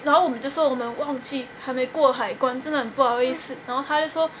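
A woman's voice: high-pitched, quick pace. A young woman hosting a podcast, telling travel stories in casual chat and laughing often. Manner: giggly storytelling, laughs often. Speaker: podcast host. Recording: faint fan noise.

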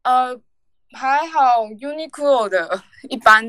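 A woman's voice: sits high, expressive, slow pace, bright, forceful tone, smooth, no echo. A young woman, rambling through a casual story on a podcast with many fillers and restarts. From Taiwan. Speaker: podcast co-host.

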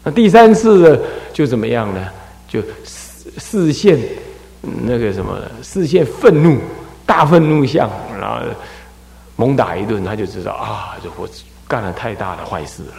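A Buddhist abbot delivers a dharma lecture, his gravelly voice swinging widely up and down in pitch. He animates his points by acting out parents and children. The talk rings through an echoey hall with a long, trailing reverb. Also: normal speed. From Taiwan. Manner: animated, acts out scolding parents and crying children.

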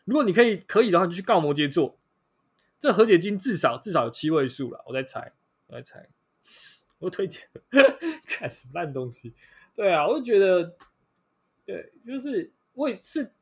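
A man's voice: a little high, husky. A young man with a Taiwanese Mandarin accent hosting a casual solo podcast, blunt and rambling, swearing freely with lots of fillers. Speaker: podcast host.

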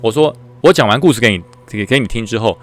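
A man with a Taiwanese Mandarin accent tells a story podcast in a lively, chatty way, recounting his army days as a battalion commander. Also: mid-range voice, quick pace, faint music behind. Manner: lively, chatty, acts out the voices.

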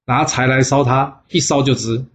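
A man playing a shrewd old male fortune-teller, speaking calmly and plainly. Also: mid-range voice, normal speed, a little hiss or hum, natural voice. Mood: matter-of-fact. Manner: calm and matter-of-fact. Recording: dull lo-fi sound.

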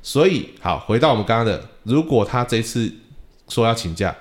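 A man's voice: mid-range voice, fairly quick. A man, a podcast host and drum teacher, telling stories in casual chat and acting out the dialogue. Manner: animated storyteller who acts out dialogue.

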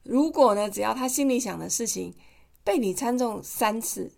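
A woman's voice: a little high, animated, moderate pace, gravelly, darkish tone. A mother reading a picture book to her kids on a podcast, playful and chatty, often asking them questions. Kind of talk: storybook read-aloud podcast.

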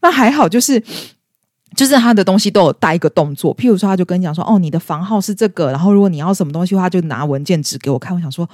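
A young woman in her twenties chats at a brisk clip on a podcast and tells a personal story. She acts out the quoted lines in bright, raised voices. Her voice sounds close and dry. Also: fairly low pitch, expressive, no echo. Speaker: podcast co-host. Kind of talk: casual storytelling chat.

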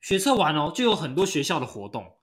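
A man from Taiwan's outlying islands speaks with a Taiwanese Mandarin accent in casual conversation. His pitch sits a little high and moves in a lively way. He talks quickly, teases, and gives firm opinions. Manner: teasing, finishes the other's punchlines, opinionated. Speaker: podcast co-host. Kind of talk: casual chat.

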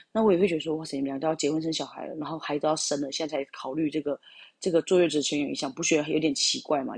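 A woman recounts a personal story at a quick clip, rambling with plenty of fillers and asides to her audience. Her voice is gravelly and a bit husky. The sound is close and dry. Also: low-pitched, a little mellow, dry recording.

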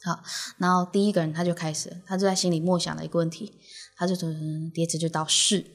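Fast-talking woman telling a story. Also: on the low side, faint music behind. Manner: animated storyteller who acts out the characters. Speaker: podcast co-host. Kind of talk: casual chat, telling a ghost story.

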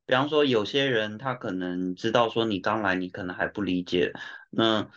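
A man with a Taiwanese Mandarin accent, who lives and works in Japan, chats casually on a podcast and explains things through examples, dropping in some Japanese and English words. His voice is lowish and a bit bright at normal speed, in dull, lo-fi audio.

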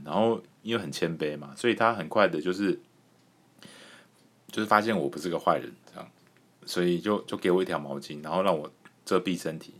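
A man from Taiwan hosting a podcast, telling a comic personal story in an animated way and laughing often. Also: low voice. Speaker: podcast host.

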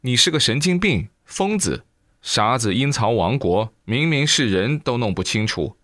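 A man's voice: medium pitch, very animated, moderate pace, fairly bright tone, no room sound, studio quality, voice pushed up. A man voicing an irritable male bystander at a temple who scolds and jeers. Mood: scolding. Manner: scolding, jeering.

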